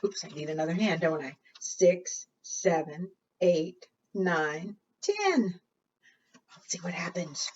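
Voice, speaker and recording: A storytime librarian talks expressively to preschoolers in an interactive session, coaxing them with questions, exaggerated gasps and singsong refrains while her pitch swings widely. She speaks at a slow pace, and the sound is muffled, recorded from a distant microphone.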